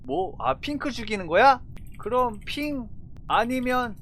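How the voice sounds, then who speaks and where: Giggly, high-voiced woman gamer. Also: lively intonation, unhurried, gravelly, background noise. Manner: stifled giggles breaking into speech; exclamatory, mock-angry grumbling with blunt slang. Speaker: gamer commentating her own play. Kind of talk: excited casual Among Us gameplay chat.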